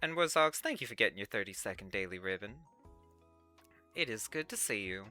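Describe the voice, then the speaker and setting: Soft music plays behind a very animated, brisk host whose mid-range voice has a sharp edge. It's a casual livestream chat, with the host answering viewers' comments in an affected Southern US accent, a sugary, folksy Southern Belle drawl.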